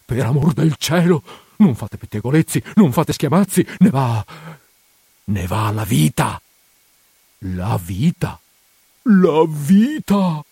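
A man's voice: medium pitch, lively intonation, a little slow, darkish tone, no echo. Don Abbondio, a man doing a fretful old priest. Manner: fretful, whining and exasperated, with sighs. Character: anxious, fearful elderly country priest.

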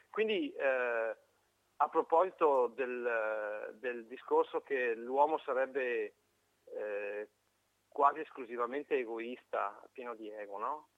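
A man calling in to a live radio show over the phone, giving a halting, reflective opinion with frequent restarts. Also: medium pitch, no echo. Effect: heard over a phone line. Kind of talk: call-in opinion on a live broadcast. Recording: tinny dry phone line.

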